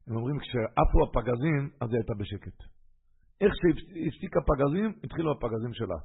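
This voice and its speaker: Man, rabbi, lively sermon storyteller, raspy, tinny phone-like sound. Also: mid-range voice. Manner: lively storyteller who acts out the quoted speakers. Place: synagogue hall.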